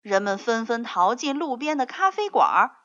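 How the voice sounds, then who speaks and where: A woman reading a children's picture book aloud, telling the story slowly and expressively. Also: fairly high pitch, very animated, a bit bright. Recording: dull lo-fi recording.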